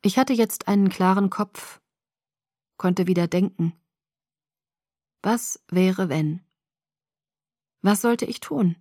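Female audiobook narrator, calm even read, dry studio sound. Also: medium pitch, slow, long pauses, no echo. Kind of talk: scripted first-person narration.

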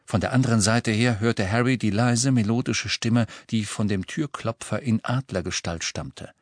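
A man narrating a fantasy audiobook in a measured, dramatic storytelling manner. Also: on the low side, no echo. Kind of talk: scripted narration.

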